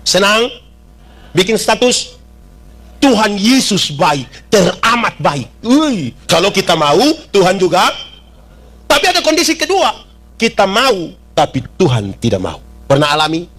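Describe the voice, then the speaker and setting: A high-voiced man preaches a sermon to his congregation. He keeps asking the listeners questions and acts out little scenes in local dialect. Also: big pitch swings, measured pace, a bit bright. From East Nusa Tenggara, Indonesia. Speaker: pastor. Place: church.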